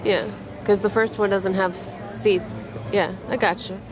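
At a busy indoor airport gate, a young woman films her toddler on a handheld camera, shifting between high sing-song baby talk and calm, unhurried asides to the camera. This casual home video narration sits over music, with noisy audio full of airport sounds and announcements.

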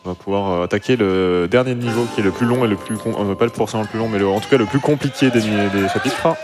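A man with a fairly low voice calmly commentates a live speedrun and talks through each level in turn. Music plays clearly in the background. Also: fast talker. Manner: calm, walks through each level step by step.

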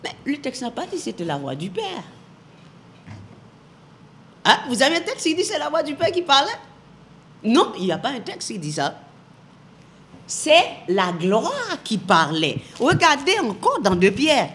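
A woman's voice: high-pitched, huge pitch swings, a little slow, long pauses, a bit bright. A woman giving a televised Bible teaching, emphatic, repeating her phrases and asking the viewers rhetorical questions.

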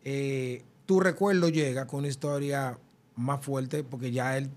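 A man's voice: medium pitch, a little slow. A middle-aged man with a Dominican accent, a guest recounting stories in casual chat and acting out what others said. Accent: Dominican Spanish. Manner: animated storyteller acting out quotes. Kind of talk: casual interview storytelling.

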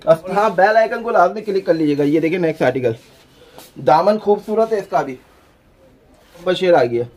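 A man, a clothing shop owner giving an energetic, hard-selling pitch in his small shop. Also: moderate pace. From Pakistan. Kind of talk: sales pitch vlog.

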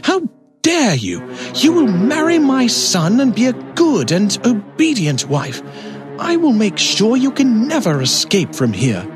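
A woman voicing a domineering, scheming mother frog in an animated storybook, with a husky, croaky voice. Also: a little high, a little slow, music in the background. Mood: angry. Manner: domineering, scolding.

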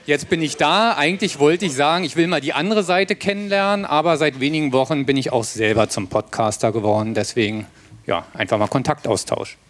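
A man introducing himself at a workshop as an app developer and podcaster, wry and relaxed, in a large seminar room. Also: fairly high pitch, a little fast. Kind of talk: self-introduction.

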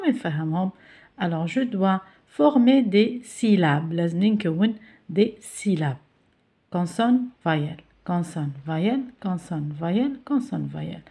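A woman teacher with an Algerian accent, explaining a school exercise and slowly spelling out letters and syllables. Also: mid-range voice, darkish tone. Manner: switches between French and Algerian Arabic, spells letters slowly. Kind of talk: classroom lesson video.

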